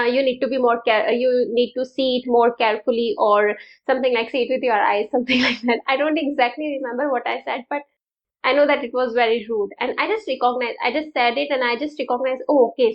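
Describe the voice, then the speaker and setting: A woman's voice: sits high, highs cut off. A young woman vlogger talking casually to camera, telling a personal story with many ums and uhs. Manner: chatty, storytelling, frequent um and uh. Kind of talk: casual reflective talk to camera.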